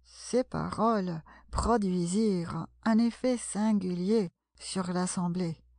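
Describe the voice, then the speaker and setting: A woman narrating a storybook audiobook in a measured storytelling manner. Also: medium pitch, a little mellow, dry recording, clean studio sound.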